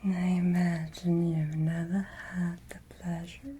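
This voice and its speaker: A woman playing a menacing, aristocratic vampire lady in a whispered ASMR roleplay, haughty, breathy and softly threatening. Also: fairly low pitch, level tone, unhurried, close to an everyday voice. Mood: haughty contempt. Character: menacing aristocratic vampire lady, vengeful captor, cold and imperious.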